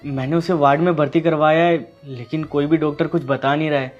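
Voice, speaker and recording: A man's voice: on the high side, steady tone, brisk, highs cut off, faint music behind. A man playing a shopkeeper and later a worried husband in a short social-message skit, by turns dismissive and pleading. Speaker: chemist, later patient's husband.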